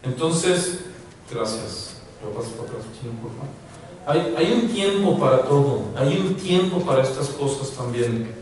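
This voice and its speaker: A man's voice: medium pitch, animated, moderate pace, darkish tone, a little hiss or hum. A man preaching an informal sermon as pastor, chatty, often laughing, with many fillers. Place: church hall. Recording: very echoey hall, mic far off.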